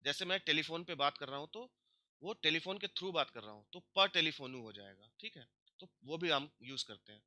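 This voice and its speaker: A man teaching a grammar lesson, drawing out example words slowly and asking himself questions before answering them. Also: a little high, expressive, sharp tone, no echo. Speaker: language teacher.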